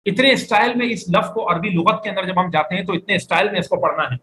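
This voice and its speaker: A man's voice: high voice, fast talker, sharp tone. A man teaching Arabic words in an echoey classroom. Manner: drills vocabulary, has students repeat words. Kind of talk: classroom lecture. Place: classroom with students and a board. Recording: echoey room, faint background noise.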